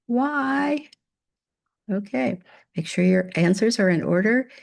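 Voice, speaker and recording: A fairly low, gravelly woman's voice leads a demo math lesson over a video call. She keeps it upbeat and chatty, coaxing imagined students to join in. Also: normal speed, a little mellow. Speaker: teacher.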